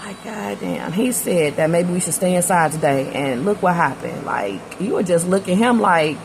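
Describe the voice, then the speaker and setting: A woman's voice: lowish voice, expressive, normal speed, noisy background. A woman doing a casual tarot reading, talking straight to the viewer in a slangy, conversational way and drifting into personal stories. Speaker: tarot reader.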